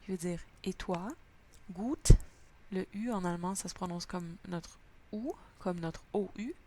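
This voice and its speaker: A woman's voice: on the low side, normal speed, noisy background. A woman teaching a language lesson, patiently spelling out sounds word by word. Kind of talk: slow spoken lesson.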